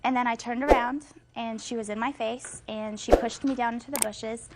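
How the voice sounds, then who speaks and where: A young adult woman testifying as a plaintiff in court, recounting events in a measured, matter-of-fact way. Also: fairly high pitch, fairly even intonation. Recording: noisy TV courtroom audio.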